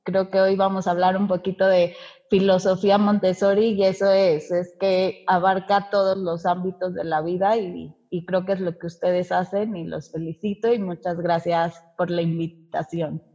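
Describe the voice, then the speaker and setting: A woman's voice: fairly low pitch, flat delivery, moderate pace, warm tone, muffled recording. A woman talking casually as an interview guest on a podcast. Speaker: podcast guest, Montessori educator.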